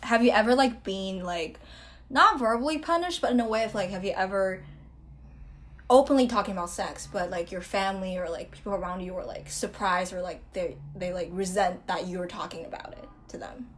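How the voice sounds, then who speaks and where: A woman's voice: mid-range voice, fairly quick. Young female podcast host from Taiwan, casual chatty delivery, filler-heavy. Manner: chatty, many filler likes.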